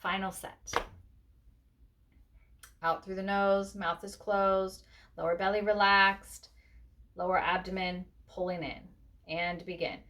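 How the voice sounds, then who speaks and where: A woman's voice: medium pitch, steady tone, measured pace, fairly bright tone. A woman yoga instructor giving a step-by-step spoken breathing lesson, explaining instructively with casual check-ins.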